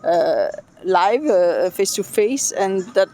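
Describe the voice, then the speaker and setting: A woman's voice: mid-range voice, sing-song, slow pace, dark tone. Hesitant Danish-born woman consultant. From Denmark. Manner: thoughtful, many hesitations. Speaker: interview guest, business consultant. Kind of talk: casual interview. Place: outdoors by the beach.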